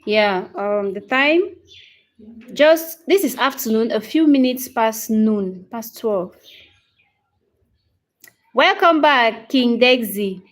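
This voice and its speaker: With a fairly high, expressive voice that moves slowly and pauses often, a Cameroonian English teacher in her thirties chats through a live lesson. She greets people by name and takes their comments one by one, tending to repeat phrases and ask "okay?"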